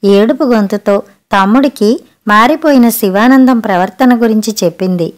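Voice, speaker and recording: A woman narrating a humorous family story as an audiobook reader, measured and expressive. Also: on the high side.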